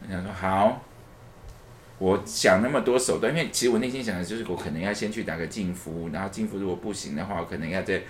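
A man's voice: low voice, quick pace, slight background noise. A man from Taipei with a Taiwanese Mandarin accent, hosting a casual podcast chat and laughing often. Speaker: podcast host.

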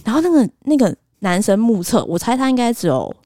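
A woman in her thirties with a Taiwanese Mandarin accent tells a story in a quick, lively chat. Her tone is mellow and dark, with a very animated, wide-ranging pitch. She puts on voices for the people she quotes, in a dry, close room. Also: no room sound. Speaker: podcast co-host.

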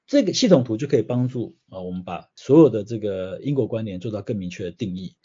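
Guest expert, male, low mellow voice, patient explainer; slightly dull recording. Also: expressive, fast talker, husky. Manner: patient, explains through everyday examples. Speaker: guest, systems change consultant. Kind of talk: explanatory interview answers.

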